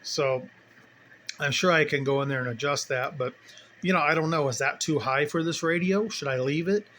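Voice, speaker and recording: A man casually showing his radio setup, talking in a relaxed, rambling way as he thinks aloud. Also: on the high side, moderate pace, a little hiss or hum. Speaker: CB radio hobbyist vlogger. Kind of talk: casual hands-on demo.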